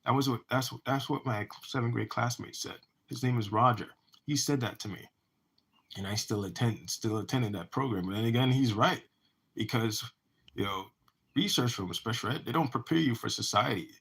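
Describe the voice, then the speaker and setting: A man's voice: medium pitch, moderate pace, gravelly, fairly bright tone, slightly rough. A man who talks about his own life in a rambling monologue, often restarting and repeating words. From United States. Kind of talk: personal monologue.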